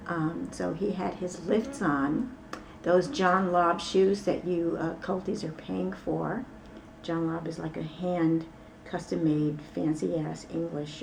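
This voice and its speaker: A woman's voice: fairly low pitch, vocal fry, distant mic, a little hiss or hum, low-quality recording. A woman recounting a past encounter as an interview guest, in casual, rambling talk full of fillers and asides. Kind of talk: casual storytelling.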